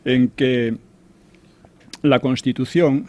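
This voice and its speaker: A man's voice: medium pitch, steady tone, drawn-out words, a little mellow. An older man giving conversational commentary as a regular guest, hesitant, with frequent restarts and tag questions.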